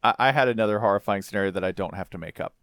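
A man co-hosting a podcast in casual chat, animated and quick to laugh. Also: fairly low pitch, no room sound, clean studio sound. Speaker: podcast co-host.

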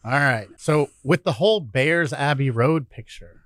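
A man's voice: mid-range voice, measured pace, fairly bright tone. A man co-hosting a podcast, asking a guest questions in an upbeat, casual way. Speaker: podcast co-host. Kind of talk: casual interview chat. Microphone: studio microphone.

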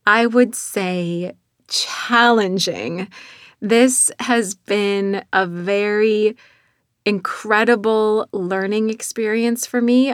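A middle-aged American woman with a North Dakota accent talks reflectively about her own work. Her delivery is unhurried and earnest, in a medium-pitched voice. The sound is dry and close, as in an author interview. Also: no room sound. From North Dakota, United States. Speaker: author and narrator of own audiobook.

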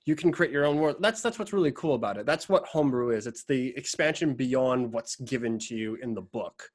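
A man's voice: medium pitch, fairly quick. A man in casual chat, explaining things in a rambling way with many fillers.

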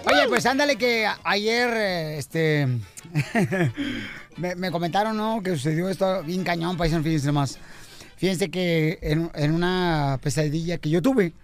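A man's voice: sits high, a little slow, faint music behind. A Salvadoran man hosting a comedy radio show, telling jokes with lots of character voices. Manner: animated, voices characters in jokes, laughs often.

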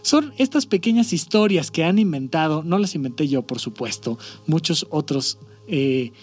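A man's voice: a little high, animated, moderate pace, darkish tone, soft background music. A man hosting a podcast, telling parables in a conversational way and asking listeners to agree. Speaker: podcast host. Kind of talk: storytelling talk.

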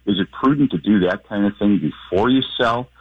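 A man's voice: fairly low pitch, normal speed, slight background noise. A man calling in over the phone with a polite question, thinking aloud with some hesitation. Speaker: caller. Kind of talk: call-in question to a radio show. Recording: dull lo-fi phone line.

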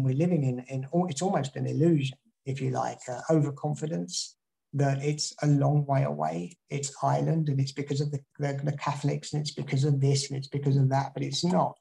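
A man from the UK, invited as a guest speaker, talks online and answers audience questions in a rambling way full of restarts and fillers. He has a creaky, mellow voice at a medium pitch.

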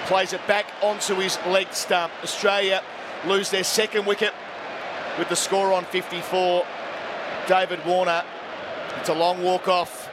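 High-voiced male cricket commentator, noisy stadium. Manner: clipped descriptive phrases, rising to shouts at wickets. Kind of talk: live ball-by-ball cricket commentary. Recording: outdoor ground with loud crowd noise. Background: loud cricket crowd.

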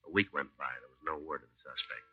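An actor playing a tough, terse American police detective who also narrates in a deadpan, matter-of-fact way, in 1950s radio drama style. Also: male voice, very deep voice, fast talker, slightly rough, lo-fi sound, exaggerated voice. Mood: flat, businesslike.

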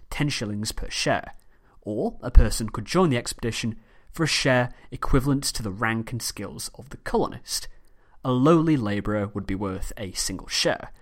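A British man hosting a history podcast, reading a scripted narration in a measured way with chatty personal asides. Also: mid-range voice. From United Kingdom.

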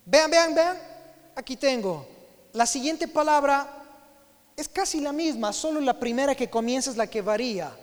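A man preaching as pastor, emphatic, slowly stretching out the key words of his sermon. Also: very high voice, lively intonation. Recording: long hall reverb.

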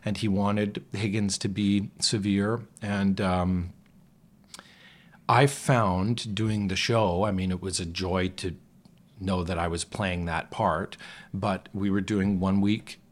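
A man's voice: low voice, fairly even intonation, takes it slowly. A man, a musical theatre actor, talking as a guest in a casual conversation, reflective and rambling, often restarting his sentences.

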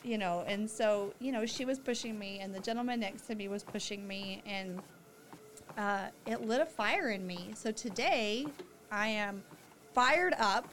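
A woman's voice: mid-range voice, unhurried, fairly bright tone, slight background noise. A woman chatting casually with a friend in a chatty, giggly way. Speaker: co-host of a chat.

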